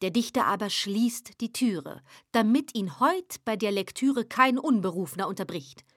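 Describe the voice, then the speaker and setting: A woman giving a measured, rhythmic poetry recitation. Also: medium pitch, animated, dry recording, clean studio sound. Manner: measured, rhythmic verse reading.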